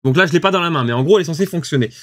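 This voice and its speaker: A man hosting a casual product review, chatty and quick to laugh, with lots of fillers. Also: fairly high pitch, lively intonation, no echo, studio quality. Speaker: host testing equipment.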